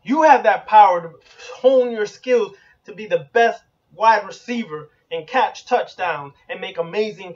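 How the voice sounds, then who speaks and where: A man hosting an occult channel, delivering a blunt, emphatic preaching monologue that repeats slogans and is occasionally profane. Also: sits high. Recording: dull lo-fi recording.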